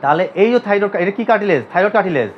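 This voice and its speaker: A man's voice: high-pitched, lively intonation, rapid-fire, slight background noise. A man from Bangladesh teaching an anatomy class, who quizzes his students by asking them to repeat terms back. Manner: drills students with repeated questions. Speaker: physiotherapy teacher. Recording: dull lo-fi recording.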